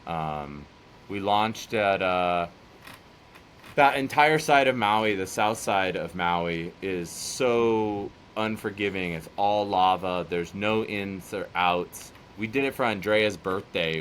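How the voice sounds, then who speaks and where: Male guest, bright and lively, laughs through his stories, faint noise. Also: low-pitched, slow pace. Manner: animated, laughs while telling stories. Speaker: podcast guest. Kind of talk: casual storytelling chat.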